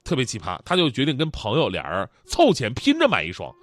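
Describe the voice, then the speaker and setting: A man's voice: mid-range voice, a little fast, no echo. A man, hosting and telling funny stories lots of laughter. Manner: animated, joking, laughing often. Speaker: host. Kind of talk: comedic storytelling.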